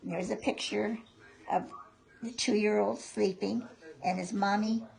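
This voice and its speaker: An older woman, a sweet, affectionate grandmother, reading a picture book aloud to a small child in an unhurried, homely way. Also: mid-range voice, fairly even intonation, vocal fry, a little mellow, poor audio. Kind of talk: homely storybook read-aloud with asides to a child.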